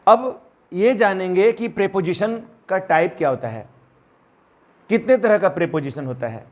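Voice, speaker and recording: A man's voice: high-pitched, lively intonation, normal speed. A young man teaching English grammar in Hindi, mixing in English phrases and often calling his viewers friends. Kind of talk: explaining lesson to students.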